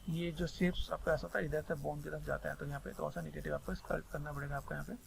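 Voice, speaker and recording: A man with a Hindi accent talks fast through a screen-recorded sculpting tutorial, rambling and repeating the same filler phrases over and over. His voice sits slightly high with a gravelly edge. Faint noise hums under the recording. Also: flat delivery.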